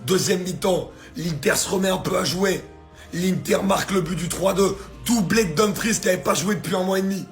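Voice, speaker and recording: A hoarse man, his voice worn out from shouting, reacting to a football match in a grandiose, emphatic way. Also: sits high, fairly quick, soft background music. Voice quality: gravelly, strained voice. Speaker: football content creator.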